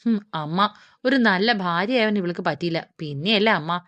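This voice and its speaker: A woman's voice: mid-range voice, moderate pace, fairly bright tone, no echo, lightly acted. A woman voicing a spiteful, contemptuous young woman who insults her elders. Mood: scornful. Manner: contemptuous, sneering. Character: spiteful young woman villain, rude and cruel. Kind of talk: audiobook character reading.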